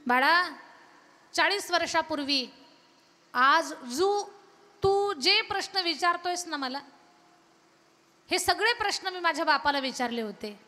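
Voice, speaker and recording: Drop your bright voice down low and sound tearful as a heartbroken elderly father, as a woman preaching puts him on, with the sound ringing through a reverberant hall. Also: lively intonation, a little slow, pauses often, exaggerated voice. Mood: sorrowful. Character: grieving old father, heartbroken and regretful.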